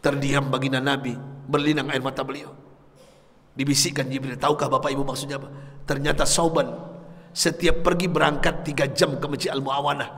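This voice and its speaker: A man preaching a sermon to a congregation, swinging from hushed tones to loud impassioned cries and calling out to his listeners. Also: medium pitch, steady tone, a little fast. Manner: calls out to the congregation. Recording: long hall reverb.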